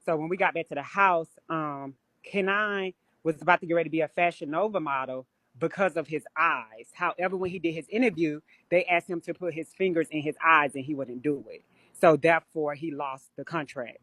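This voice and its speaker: A woman with a low-pitched, somewhat bright voice talks a little fast on a live stream, caught by a phone or webcam with no echo. In casual chat she tells her stories bluntly and with lots of cursing.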